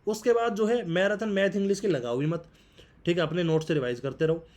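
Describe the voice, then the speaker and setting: A young man rattles off exam advice at a quick clip in a slightly high voice. He talks casually and like a big brother, hammering the same points again and again. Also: steady tone, darkish tone. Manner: brotherly, repeats points, says bhai often. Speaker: exam prep vlogger.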